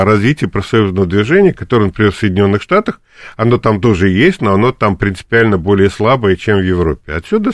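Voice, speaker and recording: A man, an expert guest on a radio talk show, explaining at length in a measured way with many fillers. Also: fairly low pitch, no room sound, studio quality. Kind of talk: radio discussion. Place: radio studio.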